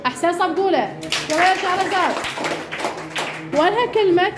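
A woman teacher with an Iraqi Arabic accent, leading a classroom lesson and briskly quizzing pupils by name. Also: extremely high pitch. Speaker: primary school teacher. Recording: echoey classroom with background noise.

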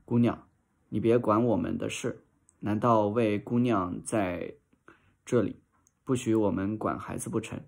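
A man's voice: lowish voice, fairly even intonation, unhurried, gravelly, darkish tone. A man voicing a greedy, muddled old female servant in a storybook reading, speaking in a stubborn, scolding way.

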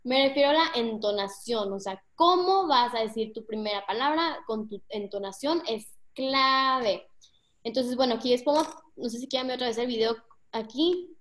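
A woman's voice: on the high side, moderate pace, a bit bright. A young woman with a Mexican accent giving a casual online talk on public speaking, slangy and speaking straight to her audience. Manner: chatty, slangy, addresses the audience directly.

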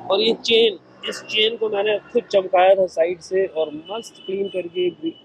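A man in his thirties chatting excitedly in a casual vlog, filming himself outdoors with an action camera at arm's length. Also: high voice, normal speed, slight background noise, rough recording. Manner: chatty, excitable cricket talk. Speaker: vlogger. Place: outdoors in a stadium stand and a street.

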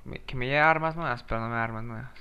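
A man's voice: mid-range voice, fast, sharp tone, lo-fi sound, a little hiss or hum. A young man giving casual gameplay commentary, swearing often and breaking into jumpy outbursts while he chats to the monsters. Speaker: gamer.

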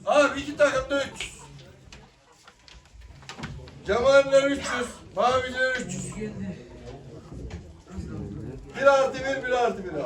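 A man's voice: extremely high pitch, normal speed, long pauses, a bit bright. A man working as an auctioneer, calling and repeating prices insistently to coax bidders. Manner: insistent, repetitive, coaxing the bidders. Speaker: auctioneer at a live poultry auction. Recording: echoey hall, distant mic, crowd and birds. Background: crowd chatter, roosters crowing.

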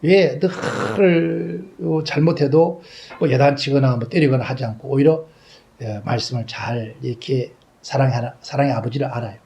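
A male pastor preaching a sermon, telling a childhood story and acting out the voices of his father and his younger self, moving between loud exclaims and soft trailing asides. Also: medium pitch, moderate pace, gravelly.

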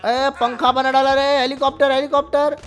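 A man's voice: level tone, normal speed, fairly bright tone. A man doing Oggy, the whiny cartoon cat. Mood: wailing. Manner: high whiny wailing. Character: whiny clumsy cartoon cat, male, always getting hurt.

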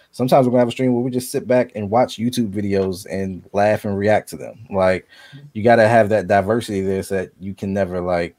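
A man, a video game streamer, talking as a podcast guest in a relaxed, conversational way with frequent ums. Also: on the low side. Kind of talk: casual podcast chat.

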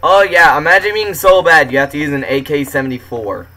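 Bright-voiced man barking game callouts. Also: on the high side, brisk, a little hiss or hum. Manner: bossy callouts, teasing. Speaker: gamer. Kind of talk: casual gaming chat.

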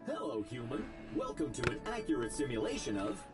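A man's voice: mid-range voice, wildly swooping pitch, brisk, a little mellow, soft background music. A man voicing a cheerful, chatty robot in a video game who politely calls the player "human" while giving instructions. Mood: chipper. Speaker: game guide.

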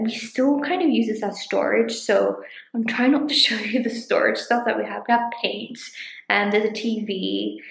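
A woman's voice: medium pitch, gravelly. A woman, chatting casually in a rambling way with lots of ums while she shows a room in her home for a vlog. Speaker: vlogger. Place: small room in a home, indoors. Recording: echoey small room.

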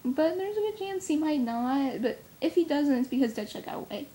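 Young woman, comic fan co-host; rambling, giggly, slightly high, faint rumble behind. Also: expressive, normal speed, mellow. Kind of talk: casual chat.

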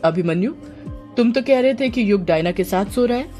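A woman's voice: mid-range voice, expressive, a little fast, mellow, soft background music, lightly acted. Woman narrator doing a jealous young woman, snappish, bossy, audio horror story. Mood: irritated.

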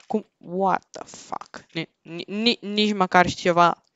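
A young Romanian man giving excitable, slangy commentary while playing Minecraft, panicking and repeating no over and over. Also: high-pitched, clean tone, no room sound. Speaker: Minecraft gaming YouTuber. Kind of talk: casual gameplay commentary. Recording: dull lo-fi home mic.

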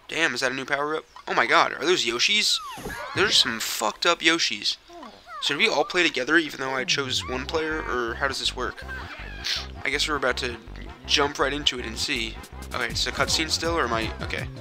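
A man who is a little sick, rambling casually and swearing often as he hosts a let's play from his home gaming setup. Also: medium pitch. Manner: rambling, profane, self-deprecating. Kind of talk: casual gameplay commentary. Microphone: mic hooked into a capture card. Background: video game music.

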